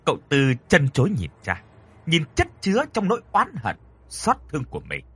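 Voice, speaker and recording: A man narrating a horror story in a dramatic, expressive way. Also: a little high, moderate pace, slightly rough.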